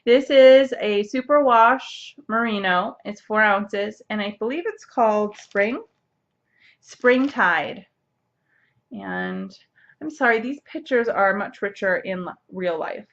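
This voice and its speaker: A woman's voice: medium pitch, expressive, slow pace, muffled recording. A young woman hosting a casual knitting podcast, chatty and bubbly, with lots of fillers and restarts. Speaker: podcast host. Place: home, seated at a computer.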